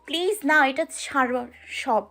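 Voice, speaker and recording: A woman's voice: high-pitched, a little slow, pushed and bright, soft background music, full character voice. A woman voicing a shy but stubborn young wife who protests and pouts in an audio love story. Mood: pleading. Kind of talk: audio drama acting.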